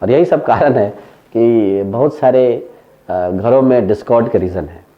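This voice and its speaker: A man's voice: mid-range voice, unhurried, narrow, tinny audio. A male economics teacher with an Indian accent, giving a classroom lecture that switches between Hindi and English and tells anecdotes. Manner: storytelling, mixing Hindi and English, laughing at his own anecdotes.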